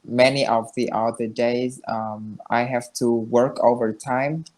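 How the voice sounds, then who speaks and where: A young man from Vietnam speaking English with a Vietnamese accent, halting with many fillers and restarts as he vlogs his study progress. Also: mid-range voice, steady tone, a little mellow. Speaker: English learner vlogging daily progress. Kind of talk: casual self-recorded vlog and video call lesson.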